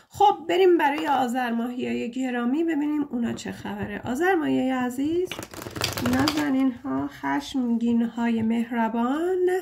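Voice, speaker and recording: A woman's voice: high-pitched, vocal fry, mellow. A young woman giving a casual tarot reading, chatty and playful, joking at her own expense and pleading fondly with her listeners. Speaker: tarot reader.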